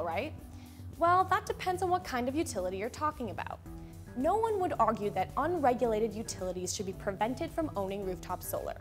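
A young woman hosting a scripted explainer in a studio, speaking clearly and upbeat into a lapel mic. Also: on the high side. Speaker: host. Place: studio with a plain gray backdrop.

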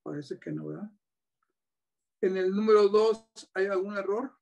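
A man's voice: high voice, measured pace, gravelly, a little mellow. A man with a Mexican Spanish accent demonstrating teaching materials, patiently checking in with his audience as he explains. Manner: patient, asks many rhetorical checks. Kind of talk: classroom-style demonstration.

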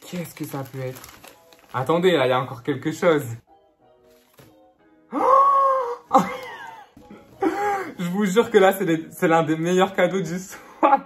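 Gushing young man with a high voice. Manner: excitable, gushing, repeats words for emphasis. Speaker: YouTuber. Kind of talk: casual gift-unboxing vlog.

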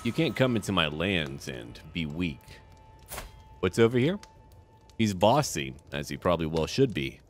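A gameplay video host with a deep voice keeps up casual running commentary on a strategy game, talking to himself and to the game's characters. His pitch swings widely at a moderate pace, and music plays in the background.

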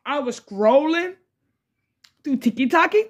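A woman with a fairly high voice chats to her phone in a bedroom. She rambles like a stoner at a smoke session, loose and slangy. She swears freely and repeats herself as she drifts along. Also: expressive, unhurried. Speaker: vlogger hosting a smoke session. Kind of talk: casual rambling chat to camera. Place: small bedroom, indoors. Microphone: phone propped at arm's length or a little further.

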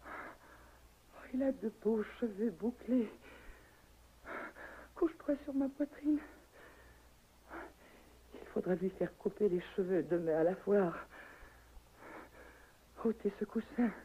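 A woman's voice: medium pitch, slow pace, pauses often, natural voice. An actress playing a dying young wife in a 1960s radio drama, faint and breathless as she drifts into delirium. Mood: delirious. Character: dying young wife Alceste, feverish and tender. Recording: tinny old radio recording, faint hiss.

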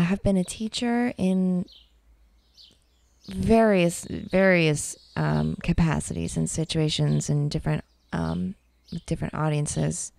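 A woman artist and teacher giving a calm, reflective talk over an art demonstration, soft and unhurried with fillers. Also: on the low side, vocal fry, dry recording.

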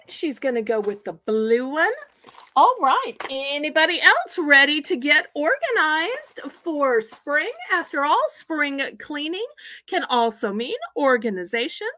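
High, lively woman auctioneer. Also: slow pace. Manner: chatty, folksy, counts items aloud. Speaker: live auction host. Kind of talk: live online auction selling.

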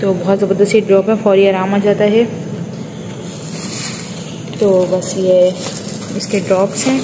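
Talking directly to her audience, a young Karachi woman with a Pakistani Urdu accent narrates a casual family vlog, presenting her belongings one at a time. She speaks a little slowly in a medium pitch and level tone, with background noise behind her.

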